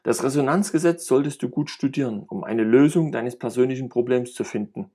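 A sage grand master hands out advice in steady, lecturing tones, read by a male narrator. His voice is husky and level. He speaks like a patient teacher. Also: medium pitch, brisk, close to an everyday voice. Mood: earnest advice. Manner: didactic, advising.

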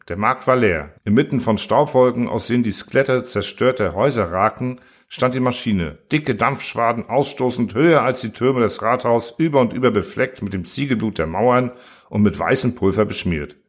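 A man's voice: mid-range voice, animated, normal speed. A man reading a story aloud, narrating steadily and acting out each character. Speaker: audiobook reader.

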